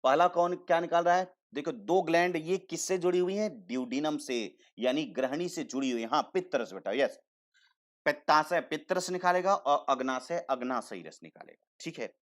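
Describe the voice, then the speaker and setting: A man teaching a science class, slowly repeating terms and asking the class questions before he answers them himself, often calling students "beta". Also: a little high, expressive. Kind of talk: online science lesson.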